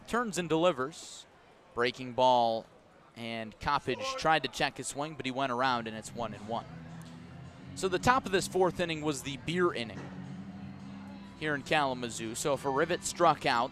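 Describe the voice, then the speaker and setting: Music plays beneath a man's medium-pitched voice as he speaks at a moderate pace. He's calling a baseball game live on radio from an outdoor ballpark, mixing clipped calls and chatty asides.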